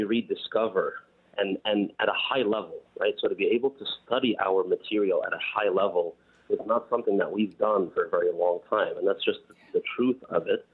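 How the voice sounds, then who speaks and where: A man calling in to a show, talking in an earnest, steady way with occasional fillers. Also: low-pitched, breathy edge. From United States. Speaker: caller. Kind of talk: call-in show comment. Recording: tinny phone line.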